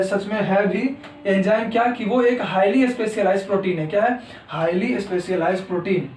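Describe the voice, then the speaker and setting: A man's voice: high-pitched, reverberant, distant mic, a little hiss or hum, rough recording. A male teacher giving an exam-prep lecture, talking straight to his students and repeating key terms as he writes on the board. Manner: talks to students directly, repeats key terms while writing.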